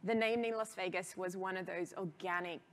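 A woman's voice: on the low side, steady tone, a little fast, slight background noise. Chatty Australian woman, laughing often. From rural Australia. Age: 30s. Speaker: guest, DJ and label founder. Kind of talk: casual conversational interview.

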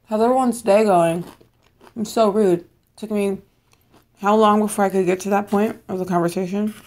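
A woman's voice: mid-range voice, steady tone, normal speed, a little mellow, slight background noise. Bubbly young woman, chatting while eating. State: losing her voice. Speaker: mukbang vlogger. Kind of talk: casual eat-with-me chat. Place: at home.

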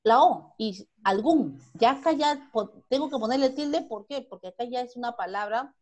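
A woman's voice: fairly high pitch, brisk, a little mellow. A Peruvian woman teaching a primary school grammar lesson online, who asks the class questions and then answers them herself. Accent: Peruvian Spanish.

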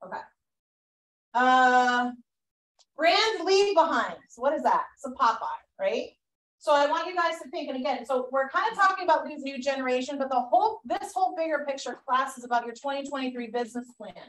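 A woman's voice: sits high, expressive, a little fast, fairly bright tone. A woman with a Boston accent leading a real estate training class, chatty and loose with fillers and restarts. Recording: echoey room, mic far off.

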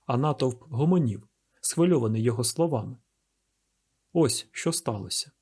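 A man's voice: mid-range voice, lively intonation, normal speed, darkish tone, breathy edge. A man narrating an audiobook of a classic novel with a vivid, dramatic reading. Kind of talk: scripted narration.

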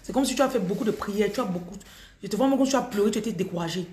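On a live stream, a woman with a Cameroonian French accent reads viewers' energies, repeating each name before giving blunt advice. Her mid-range voice races along with a dark tone. She speaks into a phone in a room with noticeable echo.

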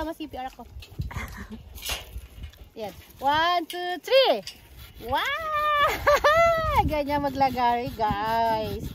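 A woman vlogger from the Philippines, high-pitched and breathless from sawing in an orchard, joking and chatty. Her voice sits well above the usual, caught on a phone outdoors with plenty of background noise. She laughs often and talks straight to her viewers. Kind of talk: casual vlog narration while working.

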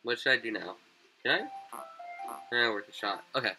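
A man giving casual, rambling commentary while playing a video game, with sudden excited yelps, his voice a little rough from being sick. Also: mid-range voice, normal speed, low-quality recording. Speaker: gaming video creator. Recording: game music under the voice. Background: game music.

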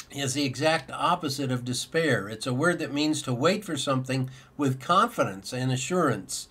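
Seated at a desk in an office with bookshelves, a middle-aged pastor preaches earnestly, explaining carefully, asking rhetorical questions, and going back over his points. His voice is medium in pitch, a bit bright, with a breathy edge.

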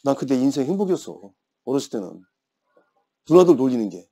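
A man's voice: medium pitch, sing-song, quick pace, warm tone, slightly rough. A man in his fifties teaching an English grammar class, telling playful stories and teasing his students. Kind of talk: classroom lecture with chatty anecdotes.

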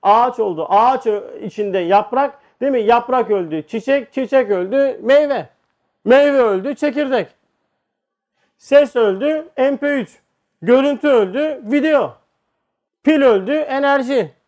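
A man giving an informal religious lecture, talking to listeners like a brother and moving between quiet asides and emphatic points. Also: very high-pitched, a little slow. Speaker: religious teacher.

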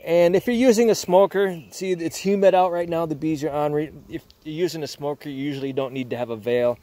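Out among the beehives in a yard, an older man gives a casual hands-on demonstration while tending his hives. His voice is fairly high with a darkish tone, and his talk rambles with frequent restarts.

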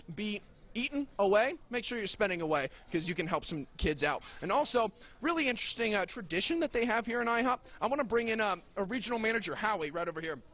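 A man's voice: high voice, fairly bright tone. A young man reporting live from a restaurant event in a playful, joking way. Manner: playful, jokey, laughing. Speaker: field reporter. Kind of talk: upbeat live news report.

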